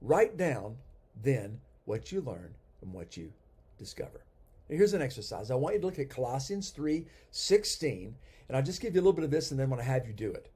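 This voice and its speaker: A man in his sixties teaches a sermon as a pastor, driving points home by repeating words. His voice is husky and mellow. His pitch swings widely as he emphasizes. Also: brisk. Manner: animated teaching with emphatic repetition.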